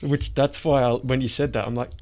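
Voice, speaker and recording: Through a face mask, a toothless Australian podcast host chats casually, explaining things in a rambling manner. His mid-range voice moves fairly quickly with fairly even intonation and soft-edged articulation, heard in dull lo-fi audio.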